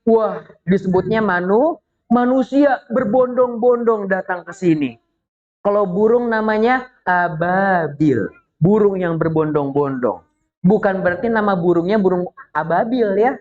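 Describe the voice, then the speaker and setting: A woman teaching children through an animated, playful story, often stopping to quiz them. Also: medium pitch. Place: mosque. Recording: dull lo-fi recording.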